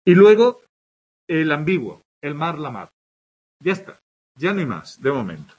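A man with a Spanish accent from Spain teaches a grammar lesson, listing examples and checking that his students follow. His voice is a little high and breathy, and his pitch rises and falls a lot as he explains. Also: very animated, unhurried, darkish tone.

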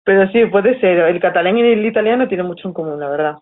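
Talking fast in a medium-pitched voice, a woman from Spain with a Spanish accent teaches Italian during a live online lesson. She patiently explains and reads chat questions from students aloud, captured in tinny audio that resembles a phone call.

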